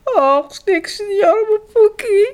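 A woman voicing a panicked, sobbing woman who runs an animal shelter, high and wailing. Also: expressive, takes it slowly, heavily acted.

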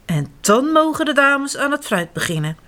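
A woman reading a children's story aloud, expressive and animated. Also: high voice, normal speed. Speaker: narrator.

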